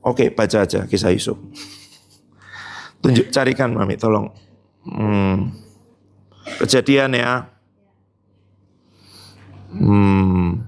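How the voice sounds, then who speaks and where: A man preaching a sermon as pastor, lively, asking the congregation questions and joking with them. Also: lowish voice, slow, vocal fry, long pauses. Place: church hall.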